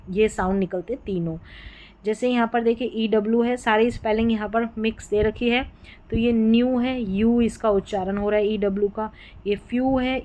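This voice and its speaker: Woman teacher spelling out phonics, bright-pitched. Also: rough recording. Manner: patient, spells out letters then sounds each word. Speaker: English teacher. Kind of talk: classroom-style phonics lesson.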